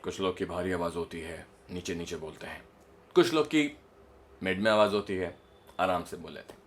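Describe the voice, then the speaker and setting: Sitting low and moving at a moderate pace, the voice belongs to a man with an Indian accent coaching voice modulation on camera. He demonstrates techniques, underlines his points, and keeps checking that his audience understands.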